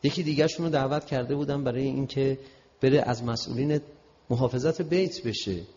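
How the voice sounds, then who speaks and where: An older man giving a sermon-style talk to an audience, animated and conversational, with many asides to his listeners and swings from low murmurs to loud emphatic peaks. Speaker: religious speaker. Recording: dull lo-fi sound with long hall reverb.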